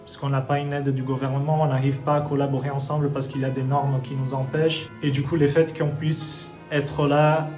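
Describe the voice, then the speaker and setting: Brazilian guy talking slow and halting in an interview, pretty monotone, roomy echo. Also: mid-range voice. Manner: thoughtful, hesitant, many restarts. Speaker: jazz musician. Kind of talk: casual interview answers. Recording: echoey room with faint music.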